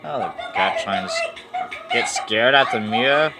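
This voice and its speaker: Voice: mid-range voice, animated, normal speed. A person giving casual reaction commentary in hesitant mutters with dry understatement. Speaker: friend taking part in a reaction challenge. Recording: loud guitar music behind the voice.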